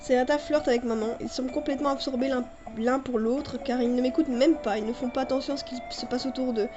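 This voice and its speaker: A woman's voice: high-pitched, steady tone, fast talker, highs cut off, over music. A woman with a cough reading her own fan story aloud and chatting about it with giggly asides. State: has a cough. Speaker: fan story reader and video maker. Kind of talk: casual reading with commentary.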